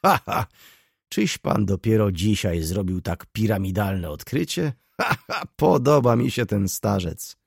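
A man voicing a mocking, know-it-all older doctor who speaks in sardonic quips and laughs loudly. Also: on the low side, a little slow, vocal fry, few pauses, slightly rough, dry recording, clean studio sound, exaggerated voice.

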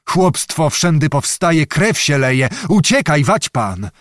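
A man's voice: big pitch swings, slow, dry recording, clean studio sound. A man doing a panicked male servant messenger. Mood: alarmed. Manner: urgent and alarmed, pitched high above the narration. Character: frightened male servant messenger, breathless and urgent.

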